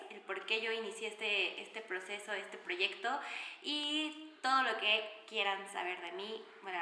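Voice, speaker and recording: A young Mexican woman with a bright, clear voice talks through her personal story on her podcast, chatty and enthusiastic with plenty of fillers. Her voice rings in an echoey room with a long reverb tail. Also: mid-range voice. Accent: Mexican Spanish. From Mexico City. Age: young adult. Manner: chatty, warm-hearted and enthusiastic, many fillers. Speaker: podcast host.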